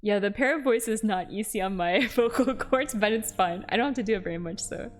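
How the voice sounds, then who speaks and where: A woman's voice: medium pitch, brisk, soft background music. A woman live-streaming a game, chatting with viewers in a playful, giggly way. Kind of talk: live stream chat with game dialogue read aloud.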